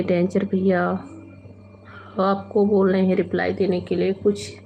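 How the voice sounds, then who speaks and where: Unhurried woman chatting on a live stream. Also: medium pitch, a little hiss or hum. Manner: unhurried, chatty, gently scolding viewers. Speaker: live stream host reading viewer comments. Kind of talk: casual live stream chat. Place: home, at night.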